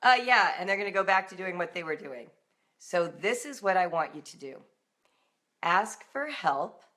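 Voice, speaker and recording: A parenting and homeschool coach hosts a live broadcast, a middle-aged American woman speaking informally, directly and emphatically to parents as though in conversation. Her voice is fairly low in pitch with a fairly bright tone.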